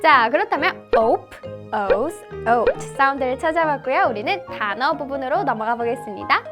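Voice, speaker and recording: A woman's voice: high voice, lively intonation, moderate pace, music in the background. A young woman teaching children English phonics in a cheerful, sing-song way, talking straight to the kids.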